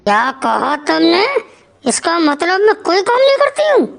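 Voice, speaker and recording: A bossy scolding cartoon wife, high-pitched. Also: female voice, very animated, moderate pace, vocal fry, exaggerated voice. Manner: demanding, sharp scolding. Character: bossy scolding wife, young adult woman.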